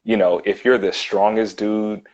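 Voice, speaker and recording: A man working as a clinical counselor, talking earnestly and thoughtfully in a casual interview, often pausing with ums and repeating words. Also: on the low side, little pitch movement, darkish tone. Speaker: licensed clinical counselor, guest. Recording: dull lo-fi audio.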